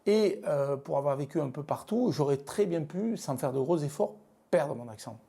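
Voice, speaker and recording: Gravelly man with a southern French accent. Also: a little high, expressive, normal speed, warm tone. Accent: southern French (Midi). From France, Lozère. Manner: frank, hesitant, many fillers and restarts. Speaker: guest, business leader. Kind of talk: casual interview talk.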